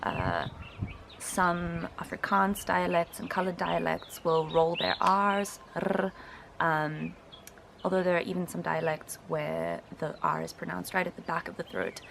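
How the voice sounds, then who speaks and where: This lowish, gravelly female voice comes from a twenty-something linguistics student with a South African English accent. Presenting a reaction video, she explains casually to camera and demonstrates vowel sounds, with background noise audible.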